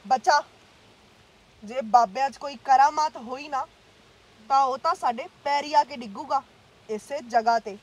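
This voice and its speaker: A woman's voice: high voice, measured pace, pauses often, no room sound, highs cut off. A woman acting a fake holy healer who preaches and demands money in a comedy short film.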